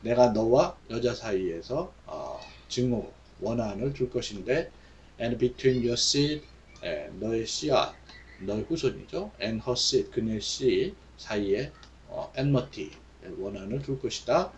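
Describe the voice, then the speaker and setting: A man teaching English Bible verses, reading each line slowly and then explaining it in Korean with many fillers. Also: lowish voice, lively intonation, darkish tone, a little hiss or hum.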